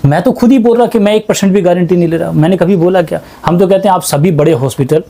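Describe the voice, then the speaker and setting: Earnest, emphatic man with a mellow voice. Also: high voice, quick pace. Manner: emphatic, repetitive insistence. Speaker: ayurvedic practitioner. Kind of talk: earnest testimonial talk. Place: small clinic.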